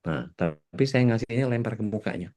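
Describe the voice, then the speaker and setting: Man, religious teacher, low and dark voice, chatty and animated, tosses in english words. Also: brisk. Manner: animated, acts out little scenes while explaining. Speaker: Islamic preacher, ustadz. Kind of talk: casual religious discussion.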